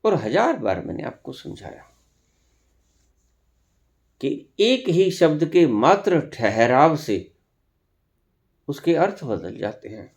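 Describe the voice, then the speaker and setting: A man giving a spiritual discourse as a teacher, speaking deliberately with long pauses and sometimes scolding his listeners with rhetorical questions. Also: on the high side, sing-song, vocal fry, darkish tone.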